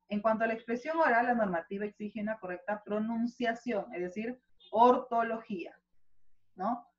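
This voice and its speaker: A Peruvian woman with a Peruvian accent, teaching a school lesson and explaining slowly with frequent rhetorical checks. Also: medium pitch. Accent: Peruvian Spanish. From Peru. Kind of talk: online class lecture. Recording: slightly dull lo-fi audio.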